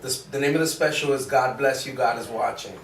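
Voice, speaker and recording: A man, a comedian guest, answering questions in a casual podcast chat, halting with frequent ums and restarts. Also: mid-range voice, gravelly. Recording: roomy, distant mic with faint noise.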